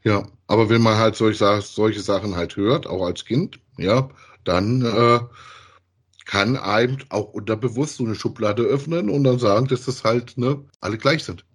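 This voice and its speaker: In a laid-back podcast about audio dramas, a co-host speaks at a moderate pace in a lowish voice with a breathy edge. He's emphatic and colloquial with his views and keeps checking that others agree.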